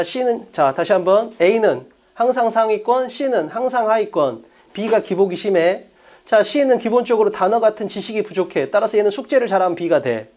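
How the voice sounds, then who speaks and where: A man's voice: high voice, darkish tone. A middle-aged man teaching English test strategy to students, lecturing with lots of rhetorical questions.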